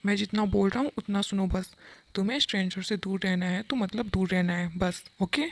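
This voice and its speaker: A woman's voice: medium pitch, fairly even intonation, close to an everyday voice. A woman voicing a stern, short-tempered businessman father who scolds and gives commands in a fan-dub audio drama. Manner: scolding, commanding, grows heated and fast.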